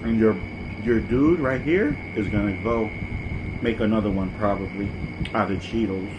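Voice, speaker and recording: A man's voice: on the low side, normal speed, lo-fi sound. Casual man reviewing food, noisy background. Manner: informal, repeats short verdicts. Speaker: mukbang host. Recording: clearly noisy background ambience.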